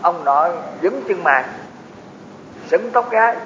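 A man gives a Buddhist dharma talk in a fairly high voice, mixing teaching with folksy asides to the listeners. The recording sounds dull and lo-fi, with faint noise. His voice rings with the long echo of a large hall. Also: expressive, a little slow, fairly bright tone. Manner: explanatory, folksy asides to the audience.

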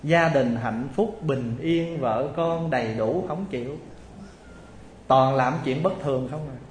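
A man's voice: medium pitch, slow, roomy sound, a little hiss or hum. A male Buddhist monk gives a dharma talk, telling a story with animation and acting out the characters' voices. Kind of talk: storytelling sermon.

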